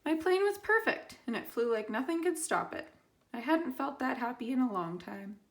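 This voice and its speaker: A woman, a teacher, reading a children's picture book aloud with expressive, deliberate phrasing and dramatic pauses. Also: high-pitched, slight background noise.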